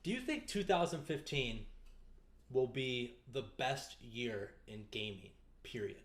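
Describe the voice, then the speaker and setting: A man co-hosting a casual gaming podcast, animated and playful, calling the others "dude". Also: mid-range voice, a little slow, echoey room. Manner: animated, says "dude", plays with words. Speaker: podcast co-host.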